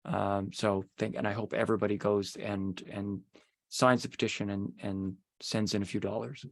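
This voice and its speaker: A writer speaking a thoughtful, hesitant tribute over a video call. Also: male voice, on the low side, flat delivery, moderate pace, vocal fry, dry recording. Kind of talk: spoken tribute.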